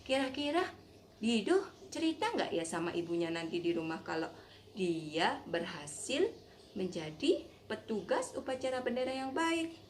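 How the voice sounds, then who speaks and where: A woman hosting a children's radio program, telling stories in an animated, cheerful way and speaking straight to the children at home. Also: mid-range voice, normal speed, slight background noise. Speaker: children's radio storyteller and host.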